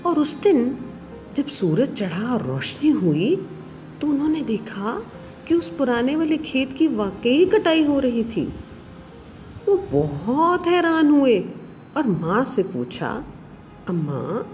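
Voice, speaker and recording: A woman telling a children's story in an expressive, lively way. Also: high voice, faint music behind.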